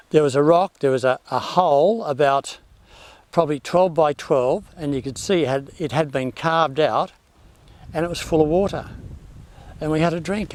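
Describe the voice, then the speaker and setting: An older man with an Australian accent reminisces about bush life in a laconic, halting outback drawl, telling it unscripted like a yarn. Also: mid-range voice, no room sound. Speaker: former outback station worker telling bush yarns.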